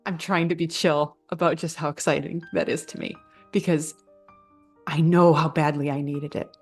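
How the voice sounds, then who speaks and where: A woman's voice: low voice, steady tone, moderate pace, darkish tone, husky, faint music behind. A woman vlogger in casual heartfelt talk, earnest and gushing, full of fillers.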